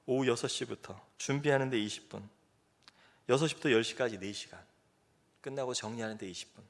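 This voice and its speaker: Male pastor, middle-aged, mid-pitched voice, relaxed conversational sermon with self-deprecating humor. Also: a little fast. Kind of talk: sermon with personal testimony. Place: church sanctuary.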